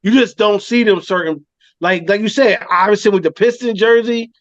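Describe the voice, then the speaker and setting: A man's voice: high-pitched, normal speed, dry recording. A man co-hosting a podcast, trading loose, slangy sports banter and laughing often. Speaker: podcast co-host. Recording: dry, dull lo-fi podcast mic.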